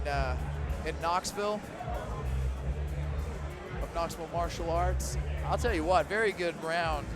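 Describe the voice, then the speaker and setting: A man giving live colour commentary on a fight, analysing in a halting way with repeated pauses. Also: high-pitched. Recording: loud crowd and music behind.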